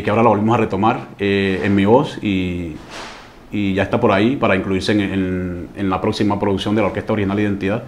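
A man's voice: lowish voice, slight background noise. A man from Colombia, a salsa orchestra singer, answering interview questions hesitantly with many fillers.

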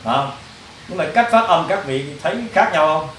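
A man, a Buddhist monk, lectures students in a loose, rambling way, repeating himself and throwing questions at the room. His voice sits a little high. It is recorded from a distance in an echoey hall, with faint hiss behind it. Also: expressive, moderate pace, fairly bright tone. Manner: rambling, repetitive, addresses listeners directly with questions. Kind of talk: casual dharma lecture. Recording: roomy, distant mic, faint background hiss.

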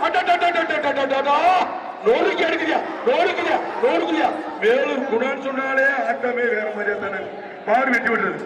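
A man calling a bull-taming event through a public-address loudspeaker, excited and shouting repeated short cries. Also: very high voice, moderate pace, noisy background. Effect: heard through a public-address loudspeaker. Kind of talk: live commentary over loudspeaker. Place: open-air arena with a large crowd. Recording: echoing loudspeaker from far off over crowd.

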